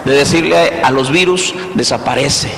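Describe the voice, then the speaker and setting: Male pastor, sermon, very high bright voice, rhetorical questions, loud and hushed turns. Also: measured pace, a little hiss or hum. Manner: emphatic preaching, repeated rhetorical questions, swings between loud and hushed. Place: church hall. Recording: echoey hall reverb.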